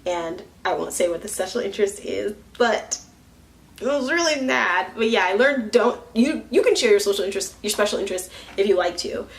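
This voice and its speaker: A woman's voice: medium pitch, animated, fairly quick. Young woman rambling in a casual vlog, laughs a lot, does little voices for other people. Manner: chatty, laughs often, acts out what others say; talks while curling her hair. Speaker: vlogger. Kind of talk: candid personal vlog.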